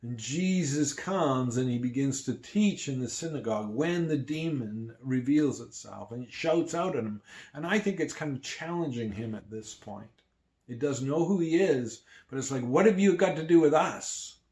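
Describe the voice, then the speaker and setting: A man preaching a sermon to his church, shifting between emphatic lines and hushed ones. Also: medium pitch, lively intonation, normal speed. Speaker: pastor.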